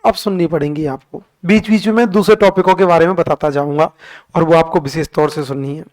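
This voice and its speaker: A young man teaching a class, firing short questions and repeating them back for the students. His voice sits high and comes through smooth and resonant. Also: poor audio. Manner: brisk, quizzing students with rapid repeated questions. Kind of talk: classroom lecture with call-and-response drilling.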